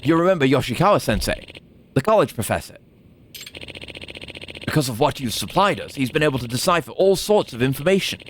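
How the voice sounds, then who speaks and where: A man's voice: mid-range voice, expressive, brisk, pauses often, a little hiss or hum, voice pushed up, close to an everyday voice. Man putting on an earnest, formal old man. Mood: grateful. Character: earnest grateful old man, scholarly recipe researcher.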